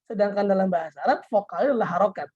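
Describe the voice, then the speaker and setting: Husky fast-talking workshop moderator. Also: mid-range voice, a little mellow, highs cut off. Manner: echoing and summarizing the teacher's points.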